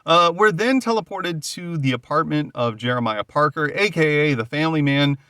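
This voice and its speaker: A man's voice: fairly high pitch, expressive, moderate pace, bright, forceful tone, clear, resonant tone, no room sound, studio quality. A man hosting a podcast, casually retelling a comic book's story and loosely paraphrasing what the characters say. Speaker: podcast host. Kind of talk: casual comic book recap.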